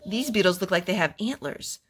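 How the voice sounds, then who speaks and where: A mother's mid-range, fairly bright and slightly rough voice carries a children's storytime at a little fast pace. She reads aloud, chats and sings, asking questions of the child and repeating the replies.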